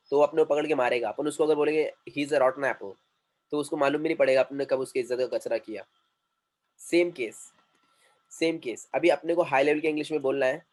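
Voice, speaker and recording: Man teaching English phrases slowly. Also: a little high, rough recording. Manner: explains slowly, repeating English phrases and translating them. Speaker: English communication trainer. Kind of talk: classroom teaching.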